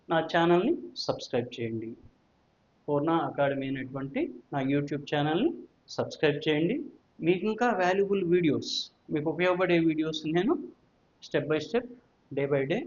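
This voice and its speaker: A male physics teacher, his voice a little high and slightly mellow, preps students for an exam at normal speed with lively intonation and long pauses. He has a Telugu accent, mixes Telugu and English, and repeats points with check questions; the audio is dull and lo-fi.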